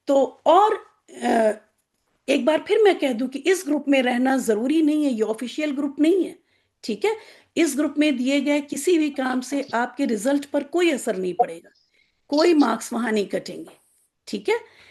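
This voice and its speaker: A woman's voice: high voice, lively intonation, a little mellow. A woman teaching an online Arabic grammar class to women students, explaining patiently and giving firm reminders.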